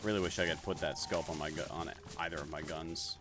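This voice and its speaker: Male streamer, low voice, casual self-talk over gameplay, faint background hiss. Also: fairly even intonation, brisk. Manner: thinking aloud, musing and self-correcting.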